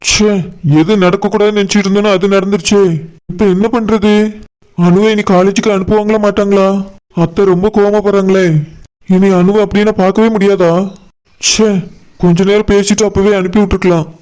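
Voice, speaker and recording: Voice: mid-range voice, little pitch movement, brisk, a little mellow, lightly acted. A voice actor doing a worried young cartoon man. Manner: anxious, pleading. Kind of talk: cartoon voice acting.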